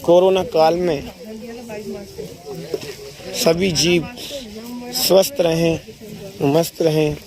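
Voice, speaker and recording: A man's voice: a little high, fairly even intonation, very slow, pauses often. A man narrating a devotional pilgrimage vlog outdoors on a mountain trail, leading call-and-response chants. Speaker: pilgrimage vlogger. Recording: crowd of pilgrims around.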